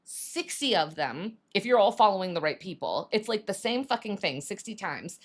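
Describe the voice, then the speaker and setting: A woman co-hosting a casual craft and gossip stream, gushing and animated as she chats. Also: medium pitch, normal speed. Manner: animated, gushing fan talk with laughs. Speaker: podcast co-host. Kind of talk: casual chat while crafting.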